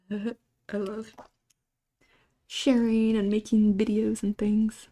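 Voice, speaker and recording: Slow, giggly young woman streamer. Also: mid-range voice, little pitch movement, mellow. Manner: laid-back, giggly, chatting with viewers. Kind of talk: casual live-stream chat.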